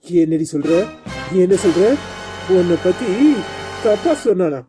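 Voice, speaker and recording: A woman's voice: on the low side, unhurried, warm tone, soft background music, pitched below the performer's own voice, natural voice. A woman voicing a hot-tempered young husband in a cartoon comedy, with a Kanyakumari Tamil accent and an angry, threatening manner. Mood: furious.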